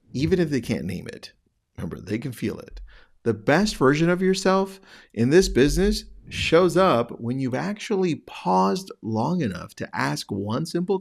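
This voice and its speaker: A man's voice: medium pitch, gravelly. A man hosting a show, giving direct motivational coaching to real estate agents with rhetorical questions. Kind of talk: motivational talk to camera.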